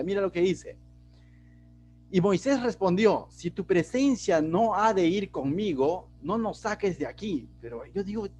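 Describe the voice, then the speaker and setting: A Peruvian man preaching a verse-by-verse Bible study in a church, in a conversational style. He checks on his listeners with frequent tag questions and acts out the biblical speakers by changing his pitch and slowing his pace. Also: a little mellow. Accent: Peruvian Spanish. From Peru. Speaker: pastor.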